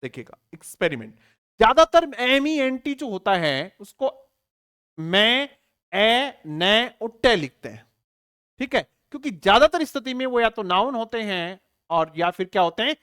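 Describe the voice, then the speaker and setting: A man's voice: high voice, very animated, measured pace, fairly bright tone, clear, resonant tone. A man teaching an online exam-prep English lesson, who asks rhetorical questions, answers them himself and spells words out letter by letter. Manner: addresses students familiarly, checking understanding.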